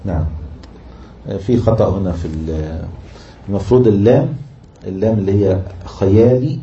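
A man with an Egyptian accent teaching a lesson on poetic meter, slowly chanting the scansion of verses as he explains. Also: on the low side, lively intonation, mellow, a little hiss or hum. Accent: Egyptian Arabic. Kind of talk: Arabic prosody lesson. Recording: roomy, muffled lo-fi recording.

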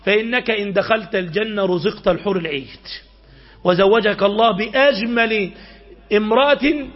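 A man's voice: sits high, moderate pace. A man with an Egyptian accent preaching a sermon with urgent passion and sudden raised outbursts, on a dull lo-fi recording. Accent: Egyptian Arabic.

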